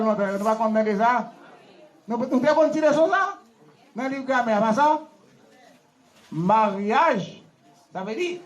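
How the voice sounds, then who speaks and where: A Haitian pastor with a high voice, pitched well above most men's, preaches a wedding sermon on a muffled recording. Laughing, he leads the congregation in call-and-response, quizzing them like a teacher and having them repeat his lines back.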